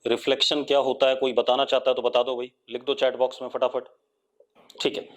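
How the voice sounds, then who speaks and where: A man's voice: mid-range voice, little pitch movement. Indian man teaching physics online. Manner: coaxing, repeats questions to students; dictates slowly in English. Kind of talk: live online lecture.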